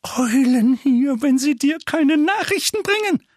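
A man voicing a thin, sharp, nervous aunt in an audiobook, shrill and hissing. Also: expressive, unhurried, dry recording, clean studio sound. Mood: scolding. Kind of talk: audiobook character voice.

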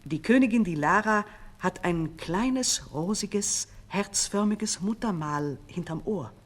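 A woman voicing a cautious male vizier to a king, speaking in a careful, deliberate manner in a storybook reading. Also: mid-range voice, lively intonation. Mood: thoughtful.

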